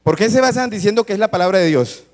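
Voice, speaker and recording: A man with a high voice preaches to his congregation, putting questions to the listeners and reading passages of scripture aloud. His voice rings out with a long reverb from the church hall, as if heard from the pews. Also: lively intonation, fast, darkish tone. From Colombia. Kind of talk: sermon.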